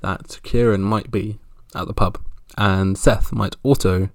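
Male podcast host, low gravelly voice, wry and halting, casual sports roundup, close dry sound. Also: fairly even intonation, dry recording.

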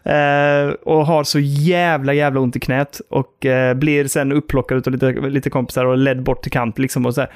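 A man's voice: medium pitch, flat delivery, hardly any pauses. A man co-hosting a podcast, telling a story animatedly and acting out quoted voices. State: tired. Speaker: podcast co-host. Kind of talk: casual chat.

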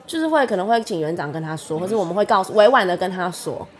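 A woman who works as a preschool teacher, chatting casually in a calm, earnest way. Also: lowish voice, fast talker, a little hiss or hum. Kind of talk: casual chat.

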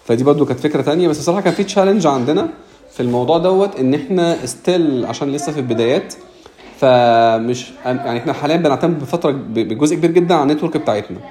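A man's voice: fairly high pitch, racing, dark tone. A man with an Egyptian Arabic accent, hosting a casual discussion and mixing English business terms into his speech. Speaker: host of a live audio discussion.

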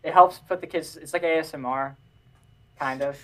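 A young man co-hosting a casual chat, animated and jokey, often tripping over his words. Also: a little high, normal speed, crowd noise. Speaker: podcast co-host.

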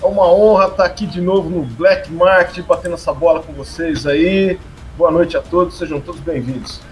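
A man's voice: on the high side, fairly even intonation, normal speed, a little hiss or hum, rough recording. A man with a Brazilian accent chatting casually as a radio show panelist. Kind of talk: casual greeting and chat.

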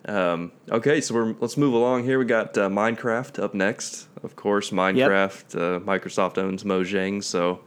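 A young man in casual gaming chat, relaxed and rambling, laughing often. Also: lowish voice, normal speed, hardly any pauses, clear, resonant tone.

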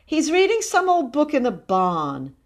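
A grown-up sister, as a woman reading aloud puts her on, cool and matter-of-fact, announcing things plainly at an unhurried pace. It is read from a storybook. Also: sits high, pitched above the performer's own voice, exaggerated voice. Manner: flat, announcing.

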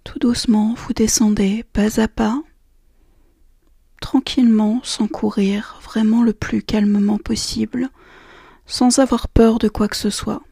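A woman guiding a relaxation and meditation session in a soft, slow, half-whispered voice. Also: a little high, level tone, creaky, husky, no room sound, studio quality. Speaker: relaxation guide. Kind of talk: guided meditation.

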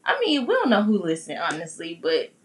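A woman's voice: lowish voice, wildly swooping pitch, fairly quick. A young woman co-hosting a podcast, chatting casually in a teasing, slangy way. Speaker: podcast co-host. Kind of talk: casual chat.

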